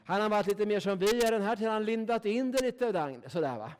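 A man preaching with a noticeably high voice. He talks in a folksy, emphatic way, driving his points home and checking in with the listeners with a quick "right?" at the end of his sentences. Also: a little hiss or hum. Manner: folksy, emphatic, keeps asking "va?". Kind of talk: sermon.

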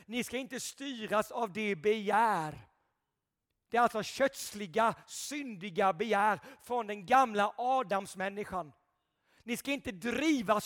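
A man preaching an impassioned revival sermon, shouting at peaks and dropping to quiet intensity. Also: high voice, big-room sound.

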